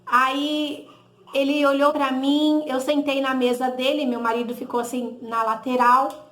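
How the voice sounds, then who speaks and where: A woman's voice: high voice, flat delivery, measured pace, a bit bright, roomy sound. A woman with a Brazilian Portuguese accent giving a personal testimony, recounting conversations with lots of "he said, I said" and little tag questions. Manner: conversational, re-enacts dialogue with "he said, I said"; frequent tag "né?" and self-corrections.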